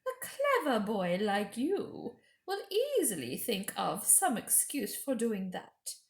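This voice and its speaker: A woman voicing an imperious, falsely sweet witch queen from a storybook, with a grand, coaxing, drawn-out delivery. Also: medium pitch, very animated. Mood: coaxing, sly. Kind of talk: storybook character reading. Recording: echoey room.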